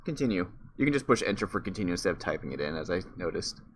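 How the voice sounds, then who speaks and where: A man's voice: low-pitched, very animated, very fast, a little hiss or hum. A man reading a text adventure game aloud, breaking off for wry comments and correcting himself as he goes.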